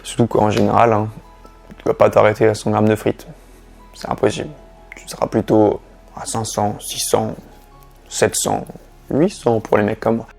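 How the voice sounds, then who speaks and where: A man's voice: on the low side, fairly even intonation, normal speed, vocal fry, long pauses, darkish tone, soft background music. Casual, chatty young Frenchman giving tips. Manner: chatty, direct, addresses viewer informally. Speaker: fitness youtuber.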